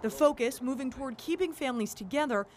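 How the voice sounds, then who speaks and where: Woman, scripted news voice-over, measured narration, fairly high voice, faint background hum. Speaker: reporter.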